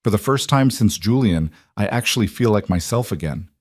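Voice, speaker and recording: A man's voice: fairly low pitch, animated, brisk, a little mellow, no echo, studio quality. A man reading as a shaken young nurse. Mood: earnest.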